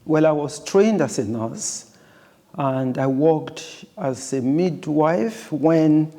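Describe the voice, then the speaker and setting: A man who trained as a nurse and midwife, telling his story in a slow, measured way in an interview. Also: fairly high pitch, warm tone. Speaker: former nurse and midwife, church outreach founder. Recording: hall reverb.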